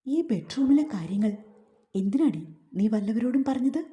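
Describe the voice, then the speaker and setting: A bitter young husband in a storybook romance, sneering and menacing, as a woman reads him. the voice sits a little high for a man but very dark and soft in tone. his words come out harsh and taunting. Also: lively intonation, normal speed, natural voice. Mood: angry. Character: cruel, resentful young husband.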